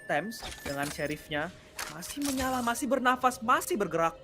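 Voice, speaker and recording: High-pitched Indonesian man announcing esports. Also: sing-song, normal speed, music in the background. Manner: dramatic phrasing, switches between Indonesian and English. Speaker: esports caster. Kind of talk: excited esports commentary, like a fighting game announcer. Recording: game gunfire and clicks behind voice. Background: gunfire and clicks from game.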